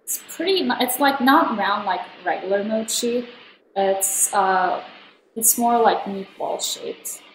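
A woman's voice: medium pitch, slow, slight background noise. Chatty young woman from Turkey, roomy sound. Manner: rambling, chatty, many fillers. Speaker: gaming vlogger. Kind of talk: casual gameplay commentary. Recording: roomy, music underneath.

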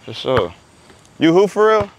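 A man's voice: on the high side, sing-song, a little slow. A man in his twenties, a vlogger who chats up strangers in a brash, slangy, joking way. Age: 20s. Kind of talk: street prank vlog, casual chat. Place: indoor mall and outdoor basketball court.

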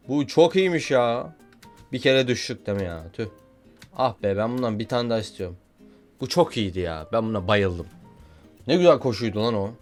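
A young man giving casual, excitable commentary while playing a video game, joking and shouting at what happens on screen. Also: medium pitch. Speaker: gaming YouTuber.

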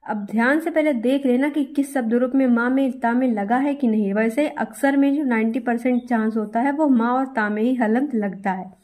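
A woman's voice: a little high, moderate pace, few pauses, a little mellow. A young adult woman teacher giving an exam-prep grammar lesson, talking straight to her students and reassuring them as she repeats each step. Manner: reassuring, repetitive, addresses students directly.

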